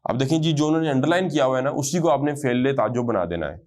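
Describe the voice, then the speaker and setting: In this classroom grammar lesson, a man speaks at an even mid pitch and slows down to spell out every example phrase in Arabic. He stops often to make sure his students are keeping up.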